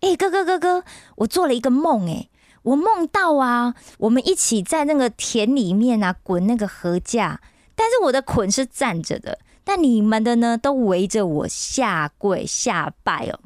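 A woman voicing an eager, boastful young boy in a storybook retelling, calling out excitedly. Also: a little high, moderate pace, no room sound, clean studio sound.

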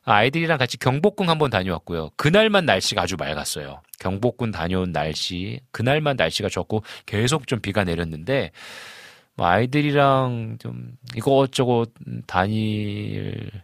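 Lively low-voiced pastor chatting on stream. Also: male voice, moderate pace, creaky, no room sound, studio quality. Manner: chatty, warm greetings, frequent fillers and chuckles. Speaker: pastor hosting a live stream. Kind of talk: casual live-stream chat reading viewer comments.

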